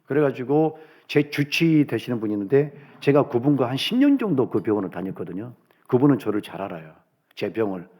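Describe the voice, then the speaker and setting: A man's voice: medium pitch, sing-song, a little fast, mellow. A middle-aged man, a pastor, preaching a sermon and asking the congregation rhetorical questions.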